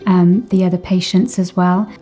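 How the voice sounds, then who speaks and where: A woman's voice: fairly low pitch, little pitch movement, normal speed, dark tone. A woman in her forties chatting about her own experience as a patient, hesitant, with fillers. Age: 40s. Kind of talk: casual chat.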